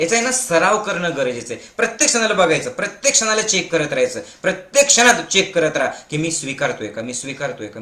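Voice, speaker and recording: Man, spiritual teacher, emphatic, very animated pitch, slogan-like repetition, echoey room. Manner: emphatic, keeps asking listeners if they follow; repeats short slogan-like phrases. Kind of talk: spiritual discourse.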